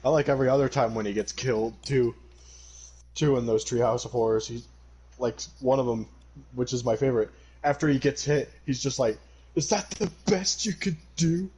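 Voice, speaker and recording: This is a man with a husky, slightly breathy voice at an ordinary pitch, chatting casually on a stream. He talks excitably, rambles through explanations and breaks into dramatic outbursts. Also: fairly quick.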